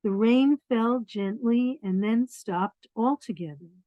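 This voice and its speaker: Slow-paced woman reading a children's story aloud. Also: on the high side. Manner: expressive, explains to children in simple words. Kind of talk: read-aloud of picture books with asides to young listeners. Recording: dull, roomy lo-fi sound.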